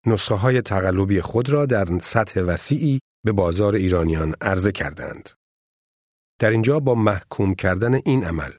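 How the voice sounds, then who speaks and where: A man with a fairly low voice narrates a language course in a measured, formal way. The sound is dry and close, with no room around it. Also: darkish tone, no room sound. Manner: measured, formal teaching delivery. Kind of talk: scripted instructional narration.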